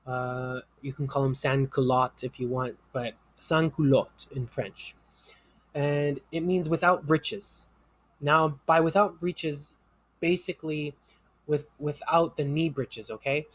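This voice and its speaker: A man teaching a history lesson in a conversational, explanatory way, with fillers and asides. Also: a little high. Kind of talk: recorded history lecture.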